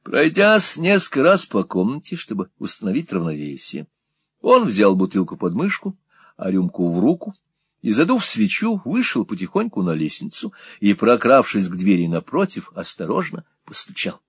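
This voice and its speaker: A man narrating a classic novel as an audiobook, in an expressive storytelling manner. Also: lowish voice, moderate pace, husky, no echo.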